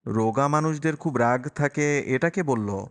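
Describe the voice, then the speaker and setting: A polite, curious young woman teacher, voiced by a male reader, asking gentle, probing questions. The voice is lifted a little above his own, and it carries a long echo. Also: mid-range voice, measured pace.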